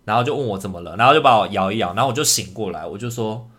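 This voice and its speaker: Bright-voiced young man telling a story. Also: on the low side, very fast, husky. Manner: animated storyteller, acts out quoted lines. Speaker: podcast co-host. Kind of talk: casual storytelling chat.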